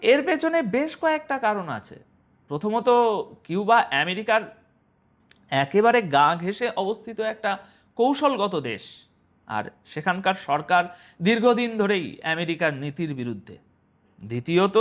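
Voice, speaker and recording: A man delivers international news commentary in an animated, sing-song manner. His voice sits high for a man and swings widely, rising and falling through each phrase. He talks straight to his viewers, often posing rhetorical questions. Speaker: news presenter.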